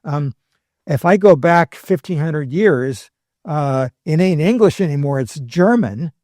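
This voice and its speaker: A man's voice: a little high, expressive, unhurried, dark tone, no room sound, studio quality. A man speaking as a historian guest on a podcast, explaining in a conversational lecture style with wry humorous asides.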